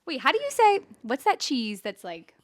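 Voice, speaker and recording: Young woman, high voice, casual podcast co-host, animated storytelling, laughs a lot. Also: moderate pace. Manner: animated storyteller, laughs often, mimics others. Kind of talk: casual chat.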